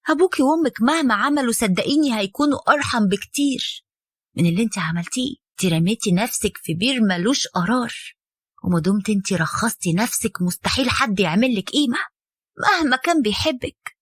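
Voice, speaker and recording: A woman's voice: fairly high pitch, animated, quick pace, breathy edge, no echo. A woman voicing a stern, weary mother-in-law who lectures her son's young wife, in Egyptian Arabic. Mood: lecturing. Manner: firm, lecturing, bitter.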